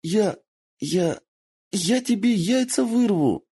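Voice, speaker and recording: A man voicing a giggly young female fox werewolf who talks in shrill squeals and whines. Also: lively intonation, slow pace, warm tone, slightly rough, exaggerated voice. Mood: squealing, giggling.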